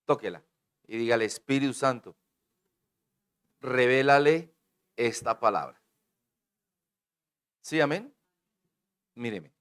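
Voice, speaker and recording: A man preaching a sermon to his congregation, swinging between booming declarations and hushed asides and calling on the listeners to repeat his words. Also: lively intonation, takes it slowly, pauses often, clear, resonant tone. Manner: calls on the congregation to repeat and respond. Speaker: pastor.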